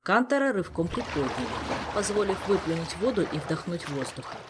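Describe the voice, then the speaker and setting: A man narrating an audiobook with expressive, lively storytelling. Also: high voice, a little fast, background noise. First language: Indonesian. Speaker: audiobook reader.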